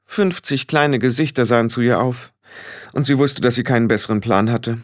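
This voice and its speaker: A man narrating an audiobook with expressive storytelling. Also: mid-range voice, moderate pace, no echo, clean studio sound.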